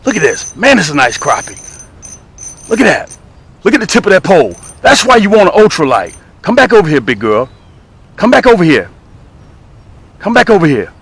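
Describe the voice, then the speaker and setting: This excited fishing vlogger speaks high and fairly fast, his pitch swinging hugely, with long pauses in between. His tone is a bit bright and slightly rough, there's no echo, and he shows off and pitches tackle outdoors, repeating himself for emphasis.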